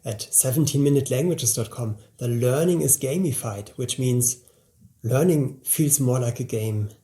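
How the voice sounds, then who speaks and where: A man in his forties narrates a scripted promo as a course presenter, addressing the listener directly with motivational intent. His voice is medium-pitched, unhurried and warm.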